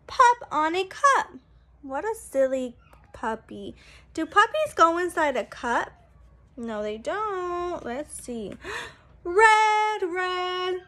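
A young preschool teacher reads a picture book aloud to small children, her voice extremely high and her delivery animated, sing-song and exaggerated. It's story time in a small room at home, recorded on a phone held at arm's length.

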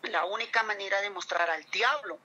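A woman's voice: mid-range voice, moderate pace, bright, forceful tone, husky, muffled recording. A middle-aged woman giving an earnest, emotional religious testimony to a pastor, addressing him again and again as she speaks.

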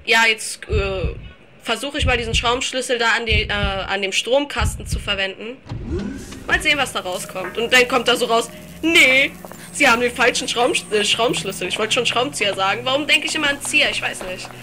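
A chatty, giggly woman talks through a video game in a slightly high voice, reading out on-screen text and swearing playfully. Her home recording carries a clear layer of noise and clicking. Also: brisk, sharp tone. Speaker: let's play commentator. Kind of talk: casual gameplay commentary.

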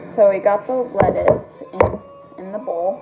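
A young woman chats casually while cooking in a home kitchen, picked up by a phone camera propped on the counter. Her tone stays relaxed and she checks in with questions as she works. Music plays clearly in the background. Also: medium pitch, a little slow, poor audio. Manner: relaxed, chatty, asks questions while working.

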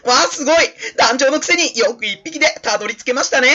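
A man voicing a small, fussy electric creature that scolds its leader in high, strained tones. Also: animated, fast talker, pushed and bright, soft background music, exaggerated voice. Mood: fussy, scolding. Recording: slightly dull lo-fi recording.

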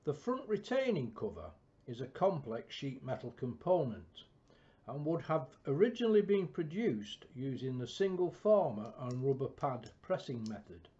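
A man giving a scripted, measured technical narration of an engineering build, with a dull lo-fi recording. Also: mid-range voice, sing-song, mellow. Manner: measured, precise technical delivery. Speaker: project narrator.

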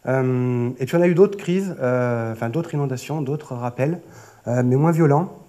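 At a lectern gooseneck microphone on an auditorium stage, a man in his thirties with a French accent from France gives a conference talk as a flood prevention project manager. His medium-pitched voice is warm and rounded, and he speaks at normal speed. The presentation is semi-improvised and hesitant, with frequent restarts, repeated words and rephrasing.

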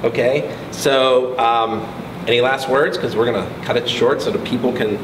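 A man's voice: mid-range voice, steady tone, normal speed, noisy background. A middle-aged man hosting a casual interview in a gym, teasing and joking with his guest. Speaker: interviewer, host. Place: large indoor gym, in front of a logo wall. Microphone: far camera mic. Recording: echoey room, picked up from a distance, with clear ambience.

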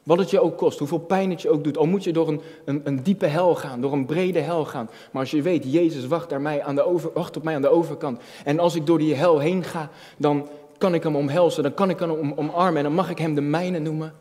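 A man preaching in a big hall with a long, ringing reverb around his voice. His tone is somewhat high for a man but mellow and soft-edged. He talks loosely, restarting phrases, then pushes hard on repeated key words. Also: fairly even intonation, a little fast, hardly any pauses. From Netherlands. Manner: conversational preaching, many restarts, building to emphatic peaks. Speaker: youth pastor. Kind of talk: sermon.

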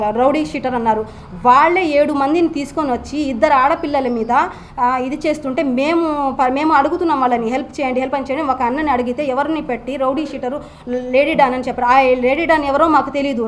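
A woman's voice: high voice, a little hiss or hum. A young woman with a Nellore Telugu accent, speaking urgently and with a grievance at a press meet, often breaking off and repeating herself. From Andhra Pradesh, India. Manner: urgent, aggrieved, many restarts and repeats. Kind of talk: emotional press statement.

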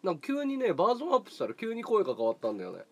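A man hosting a livestream, chatting casually with viewers in a relaxed way, often chuckling and thinking aloud. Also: sits high, very fast. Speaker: livestream host.

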